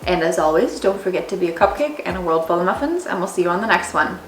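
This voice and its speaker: A woman's voice: on the low side, animated, fast. A woman hosting a casual storytelling vlog, informal and sweary, playing both parts in re-enacted conversations. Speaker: video host and tradeswoman. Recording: roomy echo, faint music.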